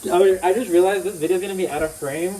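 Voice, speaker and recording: A young man vlogging in his kitchen, talking casually into a camera mic in a flat, monotone way and swearing freely. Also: high voice, quick pace, slight background noise. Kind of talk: casual chat. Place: home kitchen, indoors.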